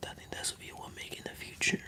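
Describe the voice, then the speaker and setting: An ASMR streamer whispering in a casual, rambling, slangy way while chatting on a livestream. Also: fast. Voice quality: whispered, mostly unvoiced.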